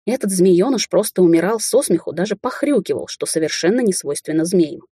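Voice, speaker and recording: A woman's voice: fairly low pitch, animated, a little fast, warm tone, husky, no room sound, studio quality. A woman narrating a first-person fantasy audiobook in a wry, sardonic manner.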